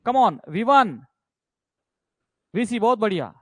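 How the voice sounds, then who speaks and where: Male physics teacher, high voice, energetic and coaxing with his class, dry sound. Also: unhurried, no echo. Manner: energetic, coaxing, keeps checking students understand. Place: classroom with students.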